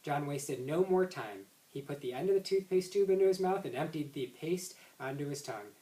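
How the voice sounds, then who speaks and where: A man with a slightly high, warm voice reads a children's story aloud expressively at a fairly quick pace, occasionally stumbling and rereading words. The sound is roomy and echoey, picked up by a distant microphone.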